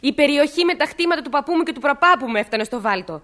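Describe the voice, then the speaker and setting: A proud, stubborn young lady defending her family's land with indignation and biting sarcasm, as a woman acts her. Her high voice swings widely, in the manner of a stage comedy. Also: expressive, a bit bright. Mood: firm. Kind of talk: stage play acting.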